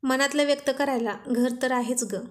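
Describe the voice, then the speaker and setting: A woman's voice: high-pitched, moderate pace, natural voice. A woman reading a teasing, loving young husband. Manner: playful, teasing, affectionate.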